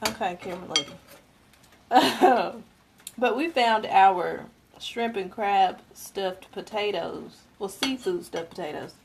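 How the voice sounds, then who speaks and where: A woman's voice: medium pitch, slow. Woman, twenties, casual cooking show host, chatty, talks straight to viewers, home kitchen, frying noise behind. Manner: chatty, talks to viewers directly, laughs easily. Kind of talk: casual live cooking demonstration. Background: sizzling pans and utensil clatter.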